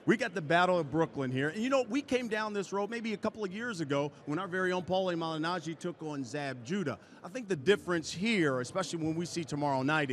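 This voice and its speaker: A man's voice: high voice, fairly bright tone, a little hiss or hum. An American man hosting a live boxing broadcast in a presenter's style. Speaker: sports broadcast host. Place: large arena atrium.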